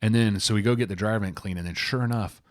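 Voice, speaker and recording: A man's voice: on the low side, fast talker, dry recording, studio quality. A man in his thirties co-hosting a podcast, giving casual advice in a loose, conversational way full of asides. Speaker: podcast co-host, property manager.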